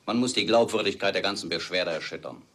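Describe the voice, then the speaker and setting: A low-voiced, fast-talking schemer, cold and calculating. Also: male voice, fairly bright tone, slight background noise. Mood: scheming. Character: scheming man plotting sabotage. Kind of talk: film dub acting.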